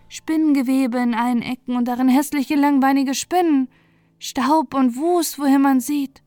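A woman's voice: sits high, dry recording, pitched above the performer's own voice, lightly acted. Woman putting on a fussy little queen wren. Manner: fretful, excited, scolding. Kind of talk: storybook character voice.

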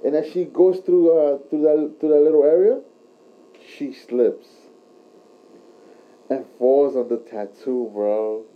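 A man's voice: fairly high pitch, fairly even intonation, slow pace, pauses often. A man chatting casually like a frat bro, telling anecdotes in crude slang and punctuating them with bro. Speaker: tattoo artist telling stories. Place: tattoo shop. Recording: dull lo-fi recording.

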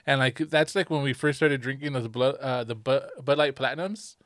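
A young man co-hosts a casual podcast, his voice sitting at an ordinary middle pitch. He talks in a laid-back, slangy way and fires off quick agreeing replies. The mic is close and dry. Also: fairly bright tone, no room sound. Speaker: podcast co-host. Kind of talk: casual chat.

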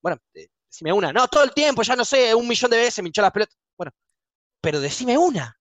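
A man's voice: a little high, big pitch swings, fairly quick, no room sound. A man with a Rioplatense Spanish accent playing a strict, pompous university professor in a comic skit, bossy and exasperated. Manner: bossy, exasperated, mock-authoritative. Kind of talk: comic role-play.

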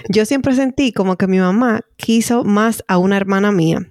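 A woman's voice: medium pitch, moderate pace, a little mellow, no echo, clean studio sound. A middle-aged woman co-hosting a casual chat, speaking in an earnest, explanatory way.

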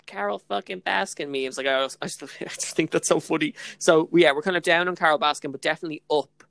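A woman's voice: low-pitched, fast, vocal fry, a bit bright, dry recording. Bubbly young Irish woman chatting away. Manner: bubbly, gushing, heavy use of "like" and "literally". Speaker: podcast co-host. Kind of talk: casual chat.

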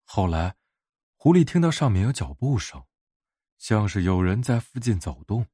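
A man reading a bedtime fairy tale for grown-ups, gentle and unhurried. His voice is husky, with a lively pitch that rises and falls, recorded close and dry. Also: no room sound. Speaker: bedtime story narrator. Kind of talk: soothing bedtime story narration.

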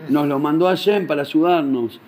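A man's voice: on the high side, normal speed, darkish tone, slight background noise, natural voice. A man with a Rioplatense Spanish accent voicing a hopeful, faithful wife who comforts her husband. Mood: reassuring. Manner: reassuring, faithful. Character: hopeful, comforting wife, middle-aged woman.

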